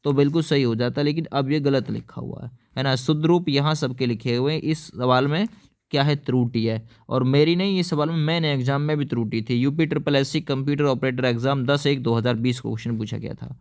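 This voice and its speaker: Male teacher, clear rounded tone, mid pitch, walks students through exam questions and quizzes them. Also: brisk, darkish tone. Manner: explains step by step, often asks viewers to answer. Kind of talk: exam-prep lesson.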